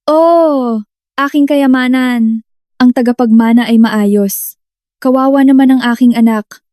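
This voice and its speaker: Woman doing a shrill, greedy mother-in-law. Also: steady tone, normal speed, warm tone, no echo, clean studio sound, lightly acted. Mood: gushing. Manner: screeching, contemptuous.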